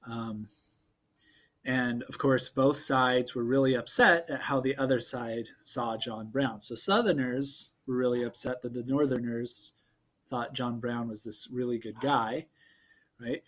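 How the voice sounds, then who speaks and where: A man's voice: mid-range voice, fairly even intonation, a little slow, a bit bright. A man in his thirties talks through a history lesson on video. His delivery is casual and playful, and he cannot quite keep a straight face at his own puns. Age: 30s. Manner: joking, laughs at his own corny puns. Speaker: social studies teacher.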